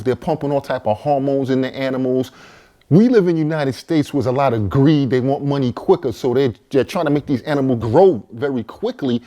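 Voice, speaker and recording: A man in his forties who cooks vegan food and co-wrote a book gives a personal testimony to the camera. He talks informally, with filler words and repetition, in a warm, mid-range voice.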